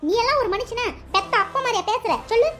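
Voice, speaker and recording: Brief: fierce protective stepmother, a woman voicing her, shrill and quick, cartoon. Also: pushed and bright. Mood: angry. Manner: scolding, shrill, rapid. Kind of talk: cartoon dialogue.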